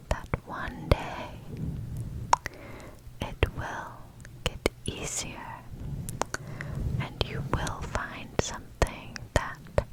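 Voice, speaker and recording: A young woman giving a whispered ASMR pep talk, reassuring and soothing, gently repeating words. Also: poor audio. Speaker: ASMR host.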